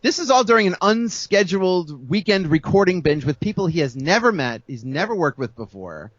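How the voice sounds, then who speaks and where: A man co-hosting a podcast, telling music history in a casual, animated way, slipping into voices for the people he quotes. His voice sits a little high, and it comes through dry and dull, like a lo-fi home recording. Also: fairly quick, dry recording. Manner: animated, acts out quoted voices, laughs often. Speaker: podcast co-host.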